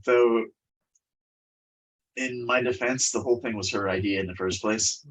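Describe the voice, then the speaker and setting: A man's voice: medium pitch, measured pace, slight background noise, rough recording. A congested man giving a webinar presentation over a video call and answering questions, talking with many fillers and restarts.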